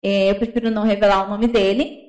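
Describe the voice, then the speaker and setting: Young woman telling her story, animated, does the other people's voices, echoey room. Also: mid-range voice, fast. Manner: animated, acts out quoted voices. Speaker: guest. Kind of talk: casual storytelling.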